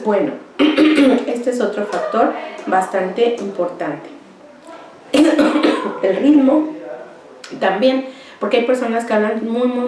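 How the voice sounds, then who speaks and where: A woman's voice: on the high side, a little hiss or hum. A woman giving a university lecture, explaining step by step and often tagging her points with rhetorical questions. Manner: slow, explanatory, asks rhetorical "¿verdad?" often; clears throat now and then. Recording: echoey room, voice far from mic.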